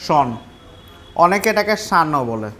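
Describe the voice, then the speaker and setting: A man with a Bangladeshi accent leads a classroom pronunciation lesson in a slightly high voice. He explains patiently, repeats each word slowly, and slips English phrases into his talk. Faint background noise sits under his voice. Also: fairly bright tone.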